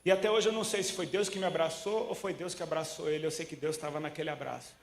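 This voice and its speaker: Man, Brazilian accent, preacher, sermon, slangy storytelling, slightly high voice, echoey room. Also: fast talker, vocal fry. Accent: Brazilian Portuguese. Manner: animated storytelling, slangy, acts out quotes. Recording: roomy echo.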